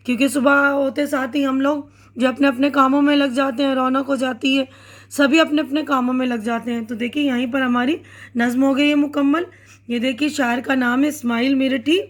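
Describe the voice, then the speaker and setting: A woman teacher patiently explaining a children's poem line by line, often checking in with her pupils and reading verses slowly. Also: high-pitched. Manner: patient, repeats and asks "hai na"; reads poem lines slowly.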